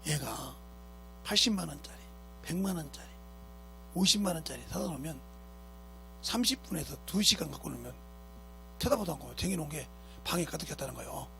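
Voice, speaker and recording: A man's voice: on the high side, animated, a little fast, gravelly, long pauses, sharp tone, faint music behind. A man preaching a sermon as pastor, emphatic and scolding, who keeps asking his congregation rhetorical questions. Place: church sanctuary.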